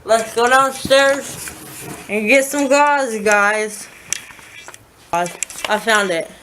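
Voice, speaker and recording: Woman, groggy from anesthesia, slow drifting chat, numb sore mouth, roomy distant recording. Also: fairly high pitch, bright, forceful tone. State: numb, sore mouth after dental surgery. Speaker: vlogger giving a makeup tutorial. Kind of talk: rambling casual chat to camera. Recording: roomy, distant mic, faint noise.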